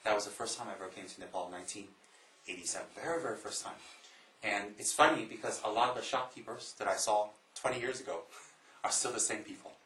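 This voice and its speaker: A man from Taiwan, a Buddhist monk, giving a slow, emphatic Dharma talk to an audience, repeating phrases and adding joking asides. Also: lowish voice, a bit bright, echoey room, poor audio.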